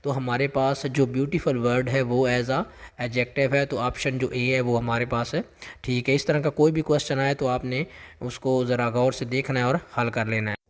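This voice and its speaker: A man with a mid-range, steady voice explains exam questions for an English grammar job test, repeating himself a lot and reading the English sample sentences slowly. The sound has the feel of a big room.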